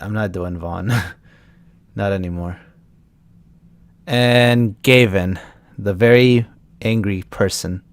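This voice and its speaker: A young Texan voice actor talks casually on a live stream, responding to viewers' questions as they come. His voice is lowish, clear and resonant.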